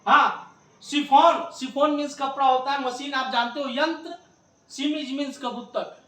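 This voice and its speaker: High, bright-voiced male teacher. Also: fairly even intonation, moderate pace. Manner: drills with repeated questions, coaxing the viewer. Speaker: English teacher. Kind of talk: classroom lesson at a board. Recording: echoey room, mic at a distance.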